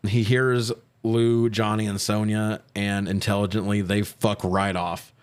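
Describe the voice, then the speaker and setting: In a smooth, fairly low voice with a level tone, this movie-review co-host talks unhurriedly. His recap commentary is casual and irreverent, full of profanity.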